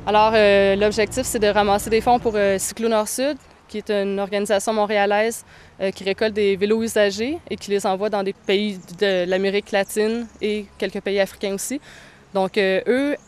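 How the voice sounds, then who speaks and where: A young woman, answering interview questions thoughtfully, with frequent pauses. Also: medium pitch, flat delivery, darkish tone, clear, resonant tone. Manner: thoughtful, hesitant, many pauses. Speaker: touring cyclist interviewee.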